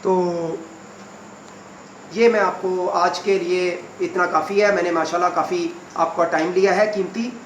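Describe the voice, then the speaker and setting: A man's voice: sits high, fairly even intonation, unhurried. A man giving a spoken English lesson, repeating each word many times for practice. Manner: repeats words over and over for practice. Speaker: English teacher. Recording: echoey room with faint noise.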